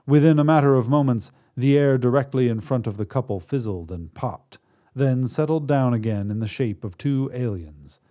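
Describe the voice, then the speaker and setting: Dark-voiced, wry male storyteller. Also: medium pitch, normal speed. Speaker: narrator. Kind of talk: scripted comic story narration.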